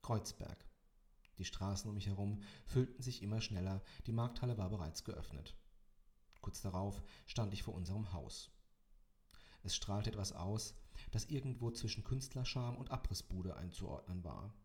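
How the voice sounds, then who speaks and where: A man's voice: on the low side, normal speed, darkish tone. A man in his twenties narrating an audiobook in the first person, with dry, wry delivery. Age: 20s.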